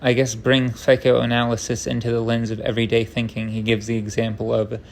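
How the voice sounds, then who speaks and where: Casting: man, creaky gravelly voice, fairly flat delivery, wry and self-deprecating, rambling off-the-cuff rant, some background noise. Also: mid-range voice, brisk. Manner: rambling, tangent-prone rant, self-interrupting. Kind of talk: unscripted rambling monologue.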